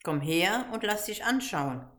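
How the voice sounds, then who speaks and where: A big, bearded woodcarver speaks gently and reassuringly, as a woman reads him aloud. He sounds kind and patient. This is a storybook reading. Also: medium pitch, expressive, unhurried, voice pushed up.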